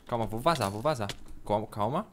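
A man's voice: on the low side, animated, a little fast. A man with a Brazilian accent hosting a gameplay session, chatting casually with slang and bursts of surprise. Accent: Brazilian Portuguese. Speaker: gaming channel host. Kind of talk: casual gaming chat.

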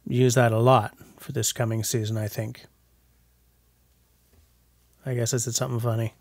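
A bushcraft vlogger in his forties gives a flat, moderately paced voice-over in a medium-pitched, slightly mellow voice. Despite the flat delivery, his manner is jokey and self-mocking as he narrates the casual vlog. The dry recording was made on a voice-over mic, not outdoors.

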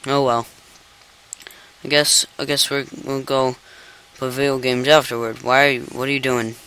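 A young gaming channel host keeps exclaiming "no" during a let's play at his computer, exasperated and incredulous. His medium-pitched voice is bright, forceful, clear and resonant, delivered flatly at normal speed despite poor audio.

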